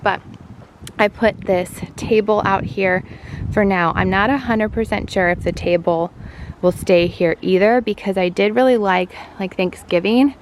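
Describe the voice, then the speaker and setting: A woman's voice: medium pitch, measured pace, slight background noise. A woman in her thirties chatting casually in a gushing way as she hosts a home tour vlog. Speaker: homemaking vlogger, host. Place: at home, partly outdoors on a deck.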